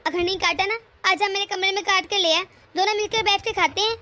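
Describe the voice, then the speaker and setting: A woman's voice: extremely high pitch, a little fast, sharp tone, a little hiss or hum. A woman voicing a patient, dutiful elder daughter-in-law in a cartoon family drama, soothing and accommodating. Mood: placating.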